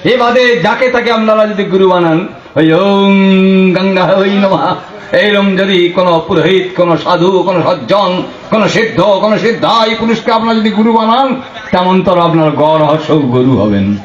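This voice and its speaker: A man's voice: high-pitched, moderate pace. A man preaching a devotional sermon with passion, mocking and acting out the people he quotes. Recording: roomy, dull lo-fi recording.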